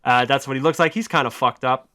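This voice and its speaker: A man hosting a podcast, telling a story in excited casual chat, swearing a lot and rising to near shouts. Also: mid-range voice, fast talker. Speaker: podcast host.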